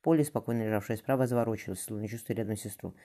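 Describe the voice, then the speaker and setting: A man narrating a novel in a steady, even voice. He reads quickly, and his tone is dark and mellow. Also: fairly low pitch. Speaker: audiobook narrator. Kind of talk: scripted narration.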